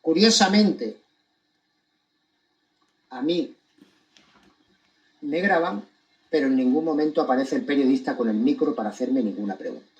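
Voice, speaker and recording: A man with an accent from Spain gives a deliberate, emphatic monologue to an audience, breaking his phrases with pointed pauses. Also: mid-range voice, darkish tone, dull audio. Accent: Spanish from Spain. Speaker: commentator giving his account of a court case.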